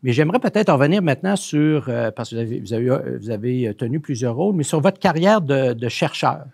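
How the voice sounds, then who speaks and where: A man's voice: medium pitch, lively intonation, fairly quick, vocal fry, darkish tone. Enthusiastic man hosting. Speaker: interview host. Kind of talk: conversational interview.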